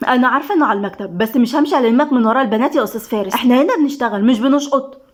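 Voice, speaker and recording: Snappish Egyptian woman, fast and high, bristling and sarcastic , as a narrator puts her on. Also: natural voice. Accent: Egyptian Arabic. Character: sharp-tongued older woman, wary and tense.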